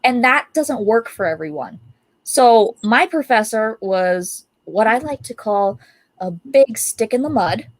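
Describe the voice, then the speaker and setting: A woman's voice: on the high side, a little slow, dry recording. Upbeat young woman telling stories, dry sound. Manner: animated, upbeat, laughs while telling stories. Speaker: guest artist. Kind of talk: casual interview storytelling.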